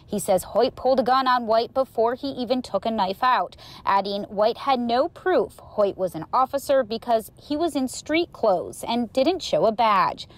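Higher-pitched woman reporting the news. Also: expressive. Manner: measured reporting delivery.

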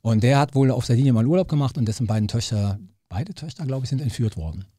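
Husky-voiced man telling lively anecdotes. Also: medium pitch, quick pace, dry recording, studio quality. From Cologne, Germany. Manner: animated storyteller who acts out quoted voices. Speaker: guest, political scientist. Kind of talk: casual storytelling interview. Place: studio.

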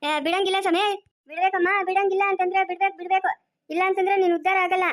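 In a family village skit, a woman acts as a nagging villager with a rural Chikkaballapur Kannada accent, quick-chattering, coaxing and scolding in a teasing spirit. Her very high voice barely moves in pitch as it rushes along at a breakneck clip.

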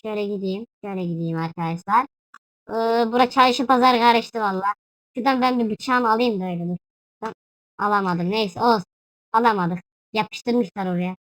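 A woman's voice: medium pitch, moderate pace, fairly bright tone, dry recording. A young woman casually commentating her own gameplay, playful and chatty, breaking into shrieks and yelps when startled. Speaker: gaming YouTuber.

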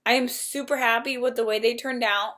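Give me a young woman speaking through brand-new dentures, her words coming out a little altered, with a voice that sits on the higher side. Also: fairly even intonation, fairly quick, a bit bright. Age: young adult. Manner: slightly altered speech, upbeat and reassuring. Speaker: vlogger. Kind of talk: casual talk to camera.

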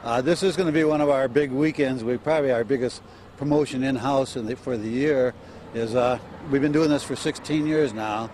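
Speaking haltingly and peppering his answers with "uh," an older businessman gives a live TV interview into the reporter's handheld microphone. It starts outside on an RV lot and continues inside an RV; his voice is medium-pitched and somewhat dark, with a faint hiss or hum.

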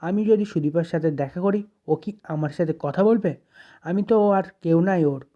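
A narrator reading the lines of a quiet, guilt-ridden young wife in their own plain voice. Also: female voice, lowish voice, moderate pace, dull audio, close to an everyday voice. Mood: wistful.

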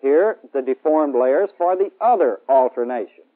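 An American man in his thirties plays a military instructor in a 1960s training film, lecturing formally and methodically on an indoor studio set. His mid-range voice is animated and moderately paced. The band-limited old film soundtrack gives it a phone-like quality.

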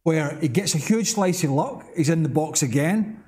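A man's voice: fairly high pitch, expressive, moderate pace, dark tone. A middle-aged man giving blunt, emphatic football analysis in a TV studio. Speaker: football pundit. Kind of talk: TV studio punditry.

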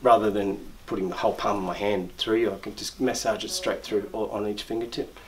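Inside a barber shop, a middle-aged barber walks through a trim and shave step by step, often restarting and repeating words as he works. His voice sits on the low side, with a steady tone and a fairly quick pace, and there's slight background noise.

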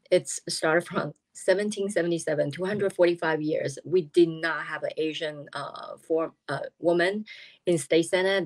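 A woman in her fifties with a Taiwanese accent, speaking in an earnest video interview from a small room at home, halting and searching for words with many fillers. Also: low-pitched. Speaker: interviewee, politician. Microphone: video call.

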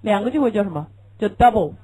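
Her voice is medium-pitched, expressive, and mellow, and she talks fast while teaching English to a class. A native Chinese speaker, she explains with patience, asks rhetorical questions, and returns to key phrases. The audio quality is poor.

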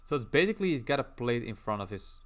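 A man's voice: medium pitch, very animated, fast talker. A man streaming casually as he draws, rambling and chatting while reading out viewer messages. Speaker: livestreamer.

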